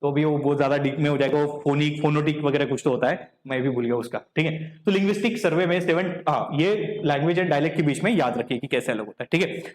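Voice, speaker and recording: A man's voice: on the high side, fast, hardly any pauses, roomy sound. A man from Vidarbha, giving a classroom lecture in Hindi mixed with English and checking with the class all the time whether they are following. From Vidarbha, Maharashtra. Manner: checks in with the class often, asking "correct?" and "clear?". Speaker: teacher.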